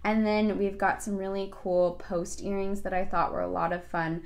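A woman's voice: medium pitch, little pitch movement, normal speed, creaky. A woman co-hosting a live beading show, chatting casually and gushing over each item with many fillers. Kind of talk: casual live product chat.

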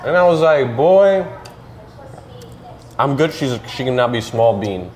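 Teasing young man with a mid-pitched voice. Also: expressive, normal speed. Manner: teasing, joking banter. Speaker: co-host. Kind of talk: casual food mukbang chat. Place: restaurant in Toronto.

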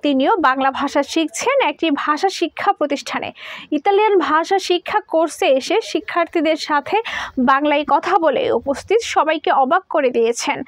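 Female newsreader, young, extremely high voice, formal scripted delivery, close and dry. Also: no room sound. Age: young adult. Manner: formal, measured reading. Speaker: news presenter. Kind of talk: scripted news narration.

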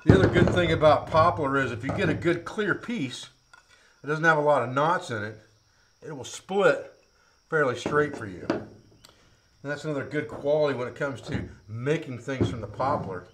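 A man's voice: on the high side, normal speed, background noise. Middle-aged man explaining bushcraft skills. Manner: plain, practical explaining while working with his hands. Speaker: bushcraft instructor. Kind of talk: outdoor skills demonstration. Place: outdoors by woods, then an open-sided metal shed.

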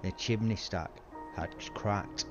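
A man, narrating history in a measured, informative voice-over. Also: fairly low pitch, steady tone, highs cut off, music in the background. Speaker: urban explorer host.

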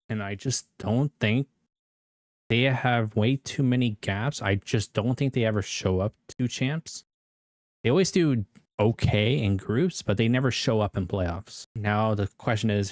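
A man's voice: on the low side, no room sound. A young American man with a rambling, self-correcting way of talking, giving casual esports predictions as a video host.

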